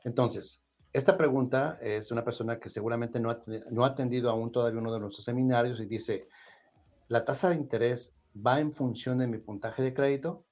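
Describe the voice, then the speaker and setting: A Mexican man with a Mexican Spanish accent hosts a podcast, explaining things casually, repeating words and tossing in "¿verdad?" again and again. His medium-pitched voice is fairly even, a little fast and slightly mellow, with the highs cut off.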